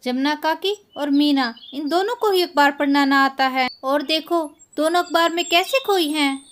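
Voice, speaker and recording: A woman's voice: sits high, moderate pace, a bit bright. A woman narrating a scripted village storybook and addressing her channel's viewers.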